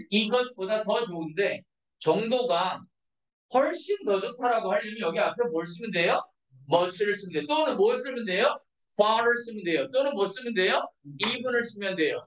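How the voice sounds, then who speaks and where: A woman teaching an English grammar lesson in Korean to a class, constantly checking with her students through short questions. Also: mid-range voice. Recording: echoey classroom from far off.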